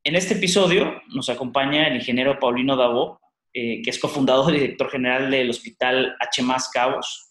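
Chatty host in an echoey room. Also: male voice, mid-range voice, a little fast, a bit bright. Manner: upbeat and chatty, many filler hesitations. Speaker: podcast host. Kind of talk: podcast interview hosting. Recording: roomy, echoey sound.

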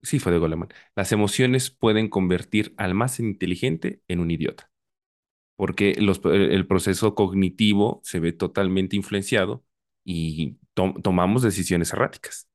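A man with a fairly low voice hosts a podcast interview. He talks in a relaxed, reflective way and asks his guest to explain his points. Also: moderate pace. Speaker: podcast host.

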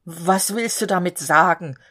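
A woman's voice: medium pitch, slow pace, husky. A woman voicing a tired, gloomy male cab driver in a spoken storybook. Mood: angry. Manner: gloomy, groaning.

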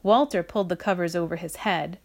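A woman reading a children's story aloud, with a slow, expressive delivery. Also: fairly low pitch, creaky.

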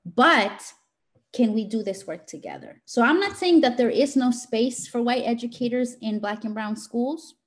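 A woman's voice: a little high, animated, normal speed. A woman giving an informal motivational talk in an emphatic, scolding teacher voice, speaking directly and colloquially.

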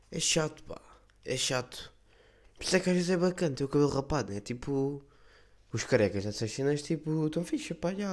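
A young man with a European Portuguese accent, hosting a podcast and telling stories in a slangy, rambling, animated way. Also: mid-range voice. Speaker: podcast host. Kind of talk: casual monologue storytelling.

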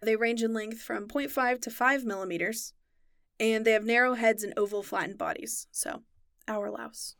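A woman's voice: on the high side, steady tone, moderate pace, gravelly, a bit bright, no echo, clean studio sound. A young woman co-hosting a casual podcast, explaining insect biology in detail with a chatty, knowledgeable manner. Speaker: podcast co-host explaining science. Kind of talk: casual chat.

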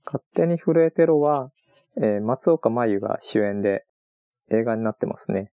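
A man chatting on his own about books he read on a trip, rambling and relaxed with many fillers. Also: medium pitch, moderate pace, no echo, highs cut off. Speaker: podcast host. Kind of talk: casual solo talk about books.

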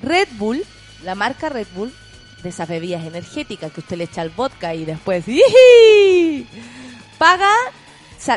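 A woman's voice: high-pitched, fairly bright tone. A woman with a Chilean accent hosting a morning show, chatting and reading the news and listener messages, giggly and theatrical. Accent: Chilean Spanish. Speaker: morning radio host. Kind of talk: casual chat and news reading.

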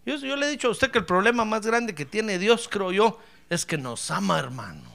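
Lively gravelly preacher. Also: male voice, high-pitched, moderate pace. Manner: humorous, acts out dialogues, addresses listener as brother. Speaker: pastor. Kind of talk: sermon.

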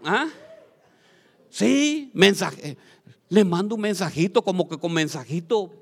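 A pastor from Honduras delivers a sermon in a fairly high, swooping voice, calling out to his congregation and slipping in jokes. His voice rings through a reverberant church hall. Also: takes it slowly, vocal fry. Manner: animated, calls out to the congregation, joking asides.

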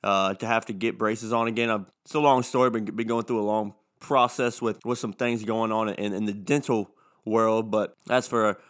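A man's voice: lowish voice, fairly even intonation, normal speed. A man in his twenties with a lisp from new braces, hosting a casual solo sports podcast. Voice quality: lisp from new dental braces, like wearing a retainer.

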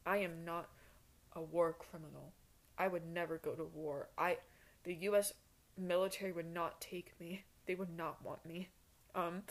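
A woman in her twenties with a lowish voice hosts a solo podcast, rambling through a casual chat. She's blunt, self-deprecating, and swears freely.

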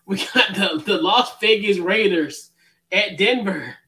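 Guy with a high voice hosting a sports podcast, laid back, lots of ums. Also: a little slow, bright, forceful tone. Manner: easygoing, loose, many fillers and restarts. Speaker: podcast host. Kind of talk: casual sports picks chat.

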